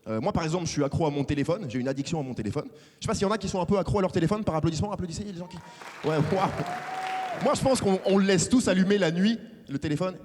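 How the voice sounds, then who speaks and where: High-voiced young man doing stand-up. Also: rapid-fire, some chatter behind, slight background noise. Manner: animated, acts out characters. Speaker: stand-up comedian. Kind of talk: stand-up comedy set. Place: large theater stage with audience. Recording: live hall reverb.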